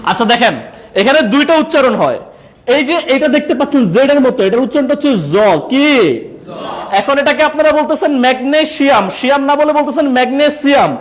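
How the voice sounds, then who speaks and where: Bangladeshi guy teaching a class, really high voice, keeps asking "what sound?" and cracking jokes. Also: fast. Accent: Bangladeshi Bengali. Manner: drills the class with call-and-response questions; playful, joking with the teachers. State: sweating. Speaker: teacher trainer. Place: training classroom.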